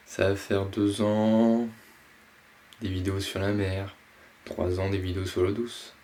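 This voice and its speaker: Slow, hesitant man unboxing fishing lures. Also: sits low, little pitch movement, warm tone, a little hiss or hum. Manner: slow, hesitant, many fillers. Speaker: fishing vlogger. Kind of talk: casual unboxing chat.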